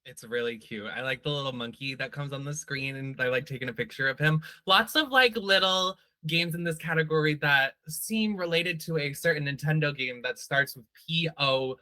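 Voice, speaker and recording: A man's voice: on the high side, normal speed, hardly any pauses, bright, forceful tone, no echo. A man hosting a casual panel chat about games, talking in a chatty, slangy way with playful asides.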